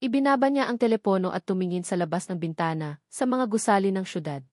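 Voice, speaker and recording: A woman telling a scripted romantic drama in an expressive storytelling manner. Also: medium pitch, fast, no room sound, clean studio sound. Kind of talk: scripted narration.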